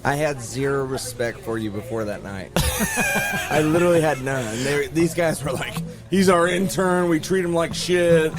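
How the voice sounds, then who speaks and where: Outdoors beside a racetrack amid a loud crowd and loud music, a man in his late thirties appears as a podcast guest, teasing the hosts in rambling, casual banter. His voice is on the high side at a normal speed.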